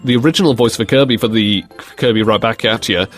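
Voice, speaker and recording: A man's voice: fairly low pitch, fast, soft background music. A young British man answering fan questions in a casual, jokey chat, rambling with plenty of fillers and restarts. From Britain. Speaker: co-host of a fan series Q&A.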